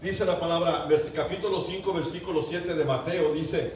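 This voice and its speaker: Man, pastor preaching, fervent, loud peaks then quiet, rhetorical questions, fairly high voice, heavy church echo, heard from far off. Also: steady tone, moderate pace. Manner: asks the congregation rhetorical questions. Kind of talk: sermon. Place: large church sanctuary. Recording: very echoey church, voice from a distance, faint room hiss.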